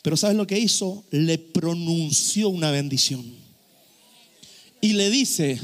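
A male pastor in full sermon mode with a high voice. He hammers on key phrases by repeating them and lifts into shouts as he drives a point home. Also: slow pace.

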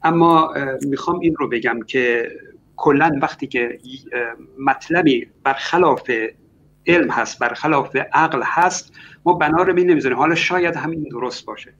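Man debating, fairly high voice, measured, frequent filler pauses, muffled lo-fi audio, faint hiss. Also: a bit bright. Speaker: debater arguing against religion. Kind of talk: online debate.

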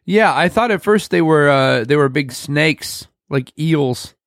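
In a dry, studio-quality recording, another male podcast co-host chats casually in a somewhat slow, high-leaning voice. He's lively but hesitant, often trailing off and restarting his sentences.

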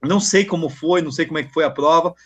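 A man's voice: fairly high pitch, a bit bright. A man co-hosting a sports stream, casually reading viewer comments aloud and chatting. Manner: chatty, quick agreeing interjections. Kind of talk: casual chat.

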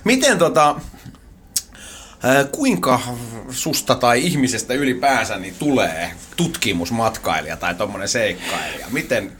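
Guy hosting a chill interview, voice jumps around a lot, faint hiss behind. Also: mid-range voice. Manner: relaxed, short backchannels, curious. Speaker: interviewer, host. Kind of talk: casual interview.

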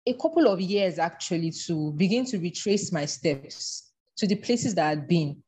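A woman guest in an interview, talking in an earnest, measured way about her past and her faith. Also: fairly low pitch, big pitch swings, warm tone, breathy edge. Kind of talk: reflective interview talk.

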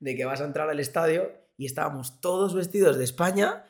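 Fast-talking young man telling stories. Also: a little high, husky. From Spain. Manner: animated storyteller, acts out quoted voices. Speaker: podcast guest, professional boxer. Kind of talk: casual interview chat.

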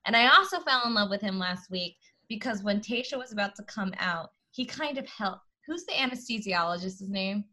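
Bright-voiced American woman with vocal fry. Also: mid-range voice, expressive, fairly quick, few pauses. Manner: chatty Valley Girl delivery. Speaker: podcast host. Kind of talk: casual recap chat.

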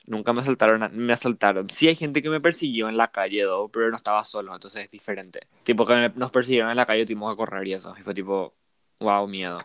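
A man's voice: fairly low pitch, fast, few pauses, fairly bright tone, no room sound. A young man co-hosting a casual podcast chat, rambling with lots of fillers and restarts. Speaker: podcast co-host.

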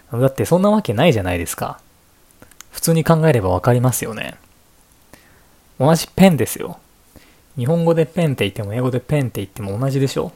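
Husky-voiced Japanese podcast host. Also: male voice, mid-range voice, darkish tone. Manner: unhurried, chatty, switching between English and Japanese. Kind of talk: casual solo podcast talk.

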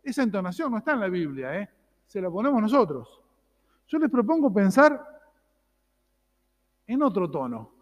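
Rioplatense man preaching, high voice. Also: very animated, moderate pace, long pauses, in a large hall. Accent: Rioplatense Spanish. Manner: conversational, asks the congregation "¿no?". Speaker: pastor. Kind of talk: sermon.

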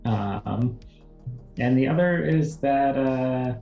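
Male RPG player, very unhurried, mid pitch, roomy echo. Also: gravelly, muffled recording. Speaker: tabletop game player. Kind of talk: casual reflection on a game character. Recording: echoey room, faint music.

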